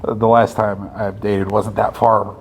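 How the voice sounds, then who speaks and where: A man in his thirties with a somewhat low voice, co-hosting a laid-back faith podcast. He thinks out loud and keeps checking in with a quick "right?" as he talks. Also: level tone, a little hiss or hum, poor audio. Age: 30s. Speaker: podcast co-host. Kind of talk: casual faith podcast chat.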